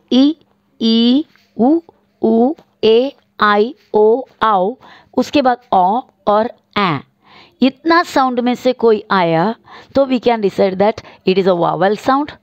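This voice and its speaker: A woman teaching a grammar lesson, explaining slowly and drawing out example words as she switches between two languages. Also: fairly high pitch, muffled recording. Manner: slow, drawn-out explanations mixing Hindi and English. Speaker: English teacher.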